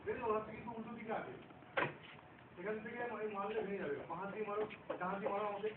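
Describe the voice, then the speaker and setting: A man's voice: high voice, rapid-fire. A man teaching self-defence in a live demonstration, often checking that his students follow. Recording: roomy, distant, phone-like sound with loud noise.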